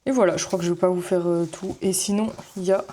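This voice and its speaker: A woman's voice: lowish voice, steady tone, quick pace, warm tone, slight background noise. A young woman, a student vlogger, talking casually and rambling as she flips through her notebooks, with plenty of fillers and self-corrections. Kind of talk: casual chat while flipping through notebooks.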